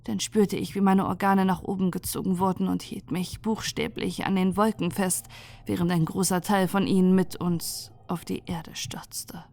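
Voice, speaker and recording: A woman narrating a sci-fi horror audiobook in a calm, soft, measured way for falling asleep. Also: lowish voice, vocal fry.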